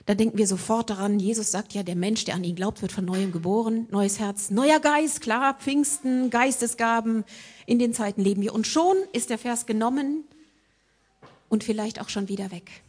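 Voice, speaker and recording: Preaching woman with a breathy voice. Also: fairly high pitch, moderate pace. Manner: dramatic shifts between emphatic lines and hushed whispers; addresses congregation directly, rhetorical questions. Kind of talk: sermon.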